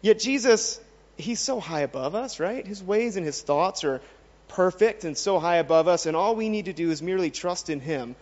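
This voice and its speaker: A man with a high voice preaches a sermon in an earnest way, often putting questions to his listeners. His voice rings with a long reverb, as in a large hall. The sound is muffled and dull. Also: expressive, moderate pace, a little mellow.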